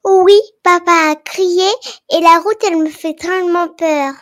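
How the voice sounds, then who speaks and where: A woman voicing a panicky tiny baby hedgehog in a storybook reading, squeaky and frantic. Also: fairly even intonation, a little slow. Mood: scared.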